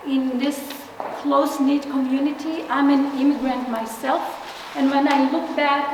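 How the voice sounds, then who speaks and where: A middle-aged woman from Israel giving a gallery artist talk, speaking hesitantly with many fillers and restarts. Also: high-pitched. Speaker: exhibiting artist. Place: large gallery hall. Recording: echoey hall, distant from mic, noisy.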